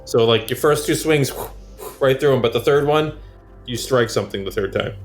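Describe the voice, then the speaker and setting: As game master of a tabletop game, a man narrates the action and explains rules in a casual, informal, conversational way. His voice is medium-pitched at a normal speed, with faint music behind him.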